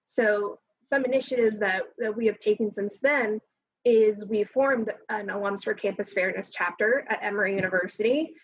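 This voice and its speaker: A woman's voice: medium pitch, normal speed, slightly rough, lo-fi sound. A young woman speaking as an alumna on a panel discussion, earnest and organized, over a video call.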